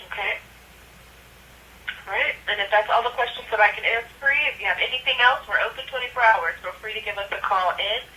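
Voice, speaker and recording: A woman's voice: mid-range voice, quick pace, bright, forceful tone. A woman working as a call center customer service agent, speaking in polite, formal scripted phrases over the telephone. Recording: noisy telephone line.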